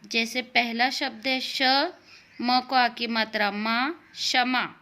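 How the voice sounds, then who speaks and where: A woman's voice: a little high, steady tone, slow pace, sharp tone. A woman teaching a first-grade Hindi lesson, patiently spelling out syllables and explaining words with English glosses.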